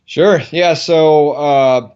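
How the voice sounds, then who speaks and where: A man from the United States, a podcast guest, talking in an easygoing, halting way with many restarts. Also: on the high side, darkish tone, clean tone, highs cut off. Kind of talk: casual interview chat.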